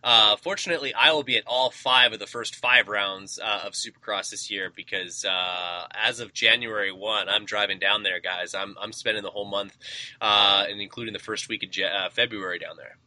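A young man hosts a casual motocross radio show, his voice very bright and forward. He rambles through fillers and restarts, recorded dry and close. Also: lowish voice, fairly even intonation, moderate pace, no echo. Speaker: podcast host.

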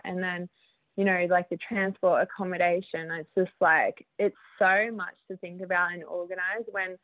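A woman's voice: lowish voice, no echo. A young Australian woman, a motocross rider, chatting as an interview guest, chatty and laughing often with lots of fillers. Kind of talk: casual interview. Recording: dry tinny phone-like line.

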